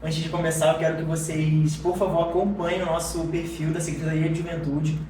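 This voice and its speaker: A man hosts a casual podcast chat, enthusiastic and slightly stumbling. His voice sits a bit high for a man. He sounds distant from the mic in a strongly echoing room with faint background noise. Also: level tone, mellow. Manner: enthusiastic, slow-paced, stumbling. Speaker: podcast host.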